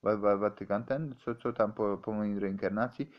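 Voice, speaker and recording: A man giving a rambling, halting explanation, stumbling over words and restarting often. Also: lowish voice, fairly even intonation, highs cut off.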